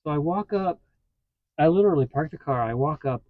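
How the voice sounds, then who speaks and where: A man casually telling stories in a vlog from inside his parked vehicle, getting animated as he retells what happened. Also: a little high, fairly quick, no echo, narrow, tinny audio. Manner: chatty, animated when retelling a story. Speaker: vlogger.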